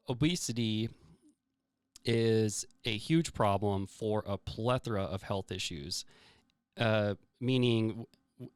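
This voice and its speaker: A man with a fairly low, smooth voice talks casually to listeners about health, circling back and restarting his sentences as he goes. The sound is close and dry, with no room around it. He keeps a loose, conversational host's manner throughout. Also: no echo. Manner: rambling, many fillers and restarts. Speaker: show host. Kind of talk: casual health talk monologue.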